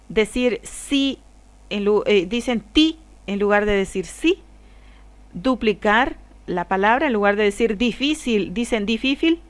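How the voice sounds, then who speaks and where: Smooth-voiced woman teaching a lesson. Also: mid-range voice. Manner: explanatory, slows down to demonstrate sounds. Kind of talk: recorded lesson on speech disorders.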